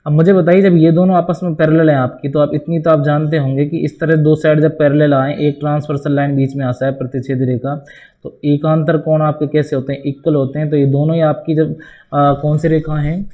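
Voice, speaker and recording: A man's voice: a little high, little pitch movement, fairly quick, narrow, tinny audio. A man teaching a board-exam maths lesson, talking through each step and asking the class questions that he answers himself. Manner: often addresses students as "bhai".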